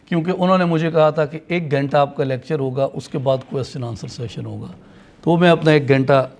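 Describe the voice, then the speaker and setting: A man's voice: fairly high pitch, a little mellow. A man from Punjab giving a lecture and telling a story, mixing English phrases into his speech.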